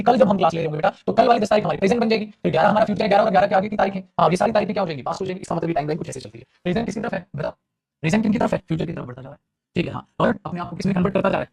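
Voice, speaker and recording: A man teaching English grammar in a lively classroom manner, calling students "beta" and answering his own questions. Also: gravelly. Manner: acts out students' replies in a lower voice.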